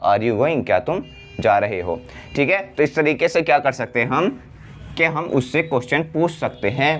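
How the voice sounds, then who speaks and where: A man teaching a spoken English lesson, explaining step by step, repeating phrases slowly and asking rhetorical questions. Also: mid-range voice. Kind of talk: classroom-style spoken lesson.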